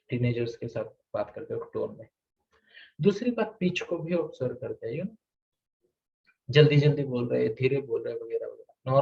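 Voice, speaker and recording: A man's voice: mid-range voice, a little mellow. A man giving a live parenting seminar to an audience, often checking in with rhetorical questions and asking for shows of hands. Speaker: parenting coach. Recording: distant, dull lo-fi recording.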